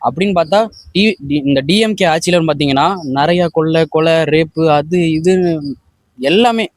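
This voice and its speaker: A man's voice: a little high, normal speed, no room sound, clean studio sound. A man, an interviewee giving heated opinions with stumbling restarts.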